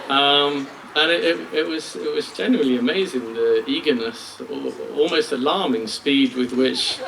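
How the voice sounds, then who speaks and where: A man's voice: medium pitch, fairly bright tone. Hesitant British man giving a ceremony speech. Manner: self-deprecating, hesitant with many ums and restarts. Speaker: school principal. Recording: distant mic with faint noise.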